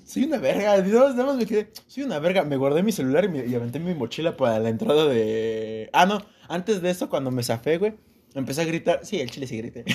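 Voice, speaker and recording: A man's voice: mid-range voice, a little mellow. A young Mexican man telling a story in casual podcast chat, slangy, swearing a lot and laughing often. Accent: Mexican Spanish. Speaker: podcast host.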